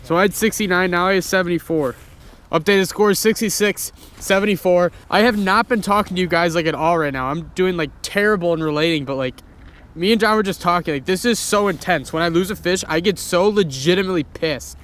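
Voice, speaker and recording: A young man chatting casually to camera in an informal, excitable way, swearing freely. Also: sits high, fairly quick. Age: young adult. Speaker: vlogger, fishing host. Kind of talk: casual outdoor vlog chat. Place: outdoors on a frozen pond and by a river. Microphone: handheld or body-worn action camera. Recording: noisy outdoor action camera audio.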